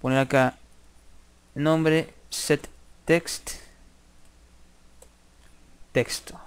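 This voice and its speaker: A man giving a screen-recorded programming tutorial, thinking aloud and dictating code slowly as he types. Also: on the high side, fairly even intonation, clear, resonant tone.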